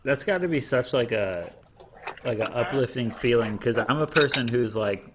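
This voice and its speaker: A man in his late twenties co-hosting a podcast, laid-back and quick to laugh, swearing casually. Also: medium pitch, lively intonation, noisy background. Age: 20s.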